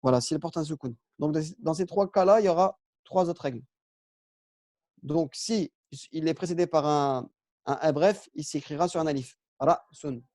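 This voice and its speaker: A man teaching a relaxed lesson, patient and step by step, with frequent fillers and self-corrections. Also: a little high, moderate pace, no echo, studio quality. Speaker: Arabic teacher. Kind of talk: casual lesson on Arabic spelling.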